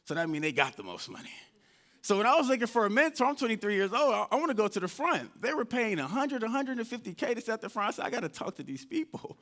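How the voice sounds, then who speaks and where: High-voiced man telling stories on stage. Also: fast talker. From United States (Indianapolis). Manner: animated storyteller, acts out his own past dialogue. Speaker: motivational speaker. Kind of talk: live motivational storytelling talk. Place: event stage before an audience.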